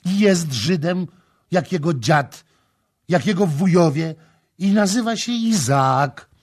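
A man voicing a shrill jealous woman. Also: expressive, measured pace, slightly rough. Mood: furious. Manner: shrill, demanding outbursts. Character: jealous proud Phoenician woman, scorned concubine. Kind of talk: audiobook character voicing.

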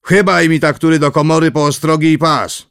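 A man reading aloud, voicing an older kindly prince who speaks in a slow, measured, fatherly way. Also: mid-range voice, big pitch swings, no room sound, clean studio sound. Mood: benevolent.

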